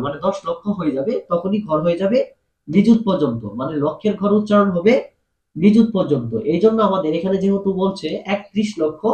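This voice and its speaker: A man explains a math lesson in a fairly high voice, slowly repeating each step and quizzing his students. He sounds patient. The sound rings in an echoey room. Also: darkish tone. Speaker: math teacher. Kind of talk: classroom-style math lesson.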